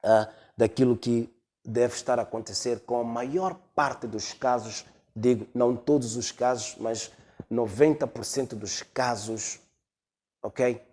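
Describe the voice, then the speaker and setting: A man preaching a sermon as pastor, pausing often on long drawn-out fillers. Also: mid-range voice, steady tone, darkish tone. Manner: hesitant, many drawn-out fillers.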